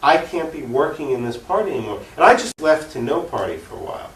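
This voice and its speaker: Quick-paced and a little high, with a sing-song lilt, an American man makes his points earnestly and forcefully as an activist guest in an unscripted political interview on cable TV. The sound is echoey, picked up by a distant mic with faint noise.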